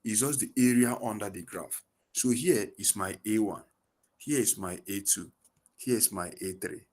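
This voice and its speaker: Over a headset on a video call, a man tutors physics in an online lesson, posing leading questions and then answering them himself. His voice is fairly low with a darkish tone, at a moderate pace.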